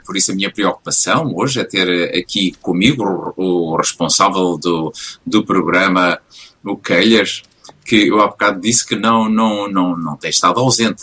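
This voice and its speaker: A low, husky man hosts a casual radio interview. He keeps circling back and restarting his sentences, padding them with fillers as he goes. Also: bright, forceful tone. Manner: hesitant, many restarts and fillers. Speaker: radio host.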